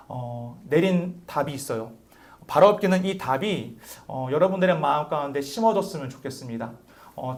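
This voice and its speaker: A young man preaching a youth sermon as pastor, calling on listeners by name. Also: sits high. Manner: animated, calls on listeners by name.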